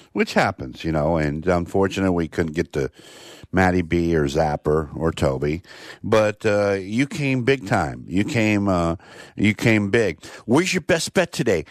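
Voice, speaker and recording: Deep-voiced older man hosting a racing show. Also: dry recording, clean studio sound. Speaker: horse racing show host. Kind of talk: casual radio talk show chat.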